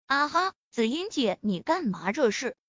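A woman voicing a playful young woman from a storybook, teasing yet bashful. The voice sits high and lively, dry and close. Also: moderate pace, no room sound, lo-fi sound, exaggerated voice.

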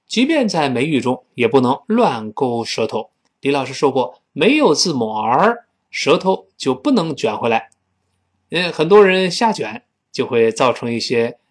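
活泼的男英语老师，带中文口音. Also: male voice, mid-range voice. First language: Chinese. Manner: animated, repeats phrases slowly for learners to copy. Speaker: English teacher. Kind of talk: spoken English lesson.

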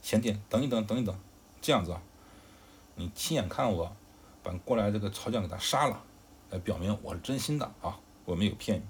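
A patient, loyal general explains himself earnestly, pleading to be believed, as a man voices him. The tone stays low and steady rather than fierce. A faint hiss lies under this storybook retelling. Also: fairly quick, lightly acted.

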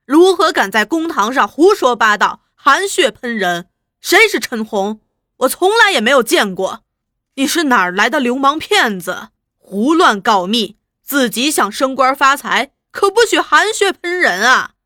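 A defiant male prisoner answers with a scornful, indignant voice, as a woman reads him in an audiobook. The voice is bright and lively, recorded close and dry. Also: on the high side, unhurried, no echo. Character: defiant male underground leader, scornful and calm.

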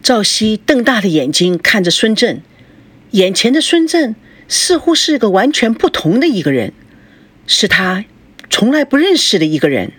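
A woman narrating a novel aloud in an expressive storytelling manner. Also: mid-range voice, moderate pace, a little hiss or hum. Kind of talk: audiobook novel reading.

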